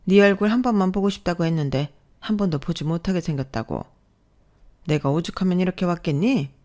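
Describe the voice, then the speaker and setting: A woman's voice: lowish voice, brisk, mellow, close to an everyday voice. A woman voicing a pushy middle-aged aunt who pleads and reproaches insistently, in a storytelling radio drama. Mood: reproachful. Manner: insistent, reproachful guilt-tripping.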